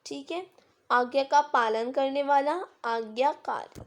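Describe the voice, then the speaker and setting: Through a screen recording picked up by the device's microphone, a woman patiently walks through Hindi grammar using simple examples and quiz questions. She speaks slowly in a high voice with a steady tone.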